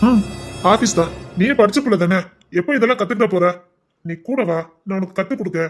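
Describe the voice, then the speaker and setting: A man's voice: high voice, lively intonation, a little fast, faint music behind. A man playing a stern, insistent husband who scolds his wife in a colloquial family drama.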